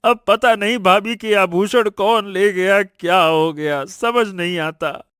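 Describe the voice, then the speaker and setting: A man's voice: high voice, animated, takes it slowly, fairly bright tone, no echo, studio quality, full character voice. A man voicing a sly middle-aged village man who is a friend of the family, in a Hindi cartoon story. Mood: mournful.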